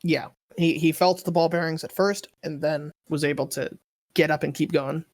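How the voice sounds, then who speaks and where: A woman acting as game master, calling out rolls and results in a brisk, matter-of-fact way. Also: low-pitched, fairly even intonation, a little mellow, no echo. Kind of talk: narrating a tabletop game.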